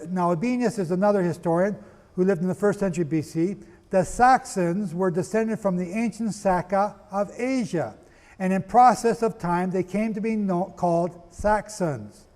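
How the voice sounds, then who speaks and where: A man giving a sermon-style history lecture, firing rhetorical questions at his listeners, spelling out names and rushing to get through it. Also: sits high, dark tone, big-room sound. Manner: asks the audience rhetorical questions; rushes, apologizes for talking fast. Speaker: preacher.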